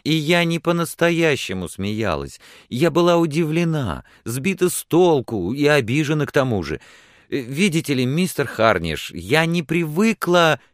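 A man's voice: low-pitched, lively intonation, normal speed, few pauses, a bit bright, clean tone, no room sound, studio quality. A man doing a spirited young woman. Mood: flustered. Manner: emphatic, exclaiming.

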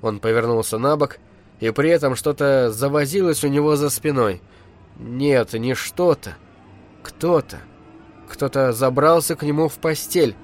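A man in a measured, dark storytelling manner, reading an audiobook as narrator. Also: mid-range voice, faint music behind. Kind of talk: scripted narration.

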